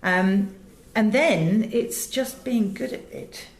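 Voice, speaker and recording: This is a middle-aged British-accented woman from England, interviewed as an audiobook director and producer. She takes her time in a mid-range voice, answering conversationally with emphatic stories and frequent asides, amid roomy echo and faint background noise.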